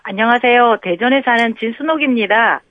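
A woman's voice: a little high, brisk, dry recording. A woman calls in to a radio show and is heard over a narrow, tinny phone line. She chats cheerfully and easily, telling a story with plenty of small asides. The line sounds dry and close, with no room around it. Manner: chatty, cheerfully tells a family story. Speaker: radio call-in quiz contestant.

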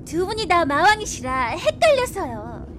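An actress playing a pert, outspoken young captive heroine in a comic audio drama, chatty and expressive. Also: female voice, very high voice, moderate pace, slight background noise, heavily acted. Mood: nervous pleading.

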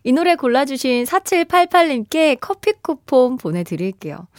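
Lively woman radio DJ, dry studio. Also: sits high, moderate pace, no echo. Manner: bright and lively, laughs often, playful exaggerated reactions. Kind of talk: radio show hosting, reading listener messages. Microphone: studio microphone. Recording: dry studio sound with faint music bed.

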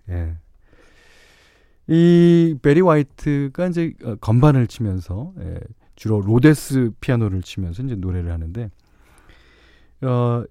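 A man's voice: medium pitch, warm tone, no room sound, studio quality. A middle-aged man hosting a radio music show, reading listener messages in a chatty, playful way.

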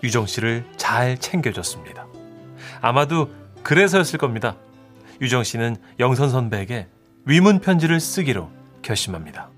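A man's voice: mid-range voice, very animated, normal speed, fairly bright tone, faint music behind. A man reading scripted storytelling narration as the narrator of a radio drama.

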